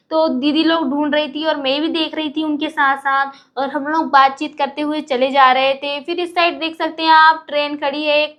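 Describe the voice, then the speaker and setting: A young woman narrating her travel vlog as a lively, chatty voice-over. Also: high voice. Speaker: vlogger.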